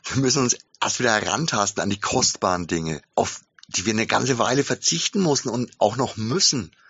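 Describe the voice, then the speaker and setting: A man's voice: on the low side, animated, fairly quick, gravelly, a bit bright, breathy edge, dry recording, dull audio. A man hosting his own podcast from inside his shop, speaking thoughtfully in a casual monologue. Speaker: game shop owner and podcast host. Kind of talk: casual spoken podcast monologue with book reading.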